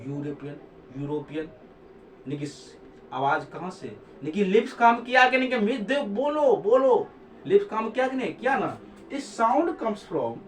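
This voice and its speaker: A man's voice: high voice, echoey room, distant mic, slight background noise. A man teaching English grammar in a classroom-style lecture. He spells words out letter by letter, repeats them, and keeps asking the class to answer. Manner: asks the class questions and urges them to answer.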